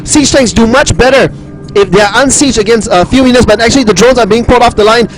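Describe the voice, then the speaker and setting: A young man casting a strategy game match alone, rambling excitedly with many restarts and fillers, out of breath after a big fight. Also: extremely high pitch, fast, soft background music, poor audio. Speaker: esports caster. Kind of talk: solo play-by-play game commentary.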